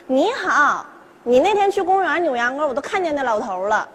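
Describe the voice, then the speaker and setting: An actress playing a petulant young daughter, in a stage sketch. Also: female voice, high voice, expressive, brisk, fairly bright tone. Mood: complaining. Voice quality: petulant, complaining. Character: sulky young woman, the daughter.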